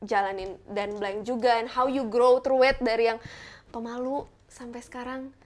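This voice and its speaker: High-voiced woman hosting a podcast. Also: fairly even intonation. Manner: mixes English phrases into Indonesian, quick affirmations. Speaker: podcast host. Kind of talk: casual interview chat.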